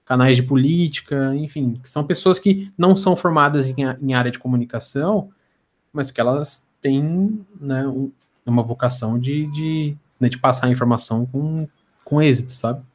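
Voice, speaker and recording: A man's voice: medium pitch, moderate pace, darkish tone. A man with a Brazilian accent chatting casually as a podcast guest, with a tongue-tied lisp that slurs his s and a stammer that repeats words and syllables.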